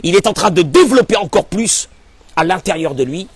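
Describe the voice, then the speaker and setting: A man preaching in a lively, high voice with big swings in pitch. His tone is husky and the sound is dry and close, with no room echo. He drives his points home with rhetorical questions. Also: a little fast. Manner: emphatic, animated, rhetorical questions. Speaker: rabbi. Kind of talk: Torah class sermon.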